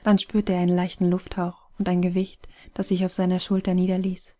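Woman narrator, soft hushed reading, mellow dark tone, flat even delivery, audiobook story. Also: on the low side, fairly quick.

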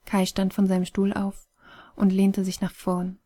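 A woman narrating an audiobook story in a soft, hushed, breathy manner. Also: mid-range voice, completely flat delivery, unhurried.

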